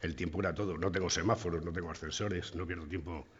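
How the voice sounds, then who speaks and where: A man's voice: low-pitched, fairly even intonation, fast talker, breathy edge, long reverb tail, lo-fi sound. A man from Madrid, a guest called up from the audience, talking in an easygoing way and tagging on little questions. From Madrid, Spain. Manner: easygoing, adds frequent tag questions. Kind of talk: casual conversation.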